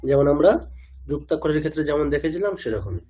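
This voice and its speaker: Patient male teacher with a husky voice. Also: fairly high pitch, lively intonation, warm tone. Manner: patient, keeps checking understanding with tag questions; models pronunciations slowly and repeats them. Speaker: teacher of chanting. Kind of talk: online chanting lesson. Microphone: video call.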